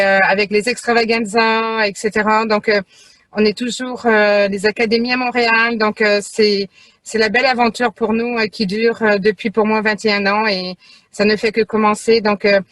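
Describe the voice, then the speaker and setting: A woman's voice: on the high side, a bit bright, no room sound. Woman in her fifties, dry close sound. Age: 50s. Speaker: direct-sales distributor. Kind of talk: personal testimonial.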